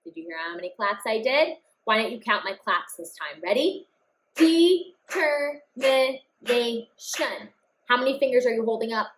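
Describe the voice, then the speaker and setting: Woman, cheerful phonics teacher, slightly high voice, slow drawn-out words. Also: expressive, a bit bright, poor audio. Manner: upbeat, addresses kids as friends, slow drawn-out words. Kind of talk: phonics lesson for children.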